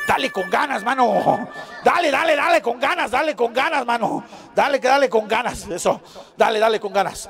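A man with a very high, squeaky clown voice leaps all over his range as he performs for a crowd of children. He is playful and laughs often as he calls out to them. Faint music plays behind him. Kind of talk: live clown show for children. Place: live show before an audience of children.

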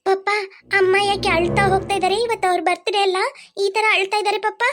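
A woman's voice: very high voice, little pitch movement, fast talker, over music. [name], a woman doing a persistent cartoon girl. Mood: insistent. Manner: insistent questioning. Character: curious older daughter, persistent. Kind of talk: cartoon voice acting.

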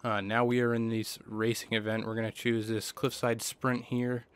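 In this let's play, the voice is mid-range, smooth, and flat at normal speed, though his throat is scratchy and hoarse from a cold. The young gaming YouTuber chats casually with many fillers as he races, the game's cars loud in the mix.

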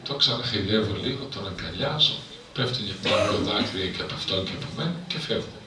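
A male priest tells a moving story to a live audience, his bright, forceful voice rising into impassioned emphasis. He sounds far from the microphone in a very echoey hall with faint background noise. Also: on the low side, animated. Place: cultural centre hall.

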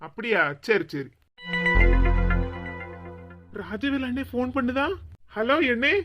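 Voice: mid-range voice, lively intonation, moderate pace, music in the background, lightly acted. A performer voicing a Kanyakumari office man. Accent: Kanyakumari Tamil. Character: young male office worker, good-natured. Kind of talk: animated cartoon dialogue.

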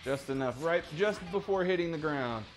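A man commentating live over his own ranked fighting game matches, excitable and profane, dropping to mutters and then yelping at big moments. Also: a little high, moderate pace, slight background noise. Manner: excitable, swings between mutters and sudden yelps; profane trash talk at his opponent. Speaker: gaming streamer. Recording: game music loud behind voice.

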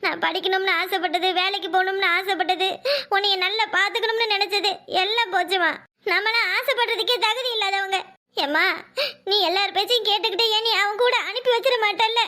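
A woman voicing a heartbroken, resigned young village bride in a cartoon, soft and tearful, with a Kanyakumari Tamil accent. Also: very high-pitched, steady tone, fairly quick.

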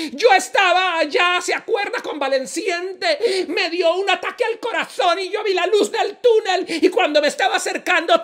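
A male comedian voicing a young woman who sobs and pleads with God in a shrill falsetto. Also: a bit bright. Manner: high shrieking sobbing falsetto.

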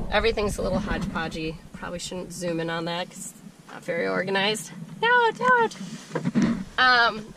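Woman vlogging in a van, raspy smoker voice from a cold, informal and chatty, noisy camera audio. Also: mid-range voice. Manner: informal, chatty, self-deprecating asides. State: congested with a cold. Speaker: vlogger giving a van tour. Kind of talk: casual explanatory vlog chat. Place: inside a small camper van, doors open. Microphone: camera mic within a few feet.

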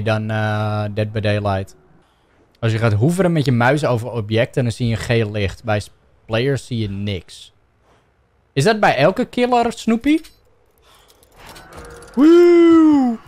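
A young man with a Dutch accent giving excitable gameplay commentary, shouting and yelping playfully as he plays. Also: moderate pace. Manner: shouty, playful, bursts into silly high yelps. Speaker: gaming YouTuber.

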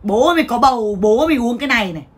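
A woman's voice: on the high side, expressive, racing, husky. Foul-mouthed ranting woman livestreamer. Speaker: livestream seller. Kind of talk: livestream sales talk.

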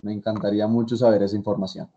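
A man, a workshop participant, asking a question haltingly and searching for words. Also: on the low side, flat delivery, warm tone. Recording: muffled video call audio.

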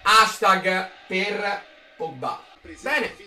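Excitable young man shouting at a match. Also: sits high, drawn-out words. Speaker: football fan streamer. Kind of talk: live match reaction. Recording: echoey room, far from mic. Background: televised match crowd noise.

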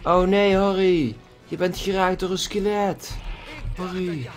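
A man's voice: sits high, fairly even intonation, takes it slowly, soft background music. A man giving casual gameplay commentary at his computer, swearing a lot with exaggerated frustration. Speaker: gaming YouTuber. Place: at a computer desk with a loud keyboard. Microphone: desk microphone.

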